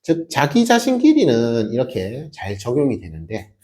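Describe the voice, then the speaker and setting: Guy teaching math, super animated pitch, mellow warm tone, keeps asking the class questions. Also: normal speed. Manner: lively, emphatic, rhetorical questions to students. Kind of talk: classroom lecture.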